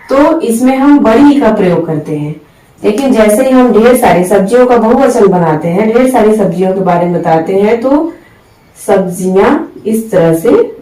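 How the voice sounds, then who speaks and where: A woman teaching Hindi spelling rules, slowly drawing out each example word and mixing English words into her Hindi. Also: medium pitch, warm tone, echoey room, far from the mic, low-quality recording. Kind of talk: spelling lesson.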